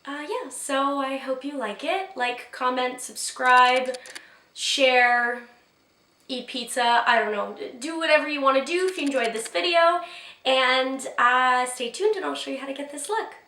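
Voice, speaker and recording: Filming in her bedroom, a twenty-something beauty vlogger with a slight cold walks through a makeup tutorial. Her high, sharp-toned voice is a little slow and hoarse, and she chats in a casual, upbeat, rambling way full of fillers.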